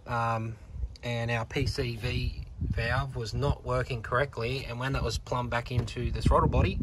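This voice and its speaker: A man's voice: mid-range voice, background noise. A man narrating a casual workshop vlog in a laid-back, slangy, blokey way. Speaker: car project video host.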